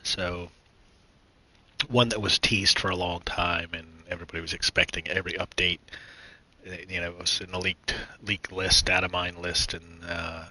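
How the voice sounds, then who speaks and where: A man from the United States hosting his own gaming channel, chatting casually and rambling with many fillers, restarts and throat clearing. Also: low voice, flat delivery, normal speed, pushed and bright, poor audio. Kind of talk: casual gaming news chat.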